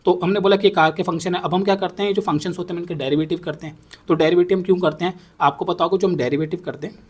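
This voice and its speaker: A man's voice: sits high, steady tone, rapid-fire, breathy edge. A young man teaching a maths class, explaining step by step and checking in often with his students. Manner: repeats himself, checks in with "ठीक है ना". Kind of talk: explaining on a whiteboard.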